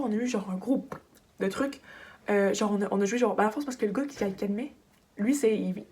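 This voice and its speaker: A woman's voice: medium pitch, a little mellow, slightly rough. A young woman from Quebec with a Québécois French accent, telling a story in a casual vlog, chatty and rambling with lots of filler words. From Quebec, Canada. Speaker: vlogger. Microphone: phone camera.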